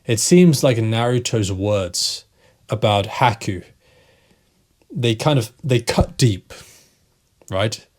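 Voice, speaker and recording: Male English teacher, low-ish voice, very slow deliberate retelling for learners, repeats phrases, checks in often. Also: expressive, darkish tone.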